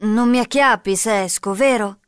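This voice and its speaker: A woman's voice: on the high side, normal speed, smooth, no echo, studio quality, pitched above the performer's own voice, lightly acted. A woman voicing a suspicious young boy in a storybook reading, talking in a hesitant way. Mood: wary.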